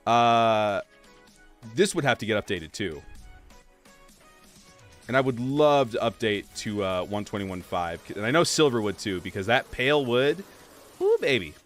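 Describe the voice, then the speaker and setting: A young man talks through a relaxed game livestream, chatting freely with his viewers. His voice swings up and down with lively, animated pitch, full of loose fillers. Soft music plays faintly behind him. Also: unhurried, pauses often. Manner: chatty, reads and answers chat, many fillers. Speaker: streamer. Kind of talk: casual livestream chat while playing.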